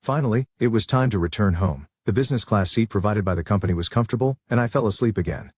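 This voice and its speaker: Calm husky male story narrator. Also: fairly low pitch, quick pace. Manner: calm, matter-of-fact. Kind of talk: scripted first-person narration.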